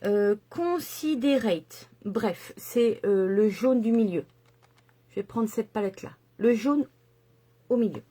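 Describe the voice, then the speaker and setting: A woman's voice: on the high side, lively intonation, slow, warm tone. A middle-aged woman chatting enthusiastically through a makeup tutorial, with lots of fillers and asides. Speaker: makeup vlogger.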